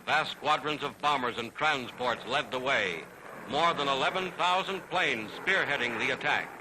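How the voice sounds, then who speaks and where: A man narrates an old newsreel, declaiming each line in a grand, scripted delivery. His pitch sits in the middle of the range. Loud music plays under his voice. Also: animated, normal speed, poor audio.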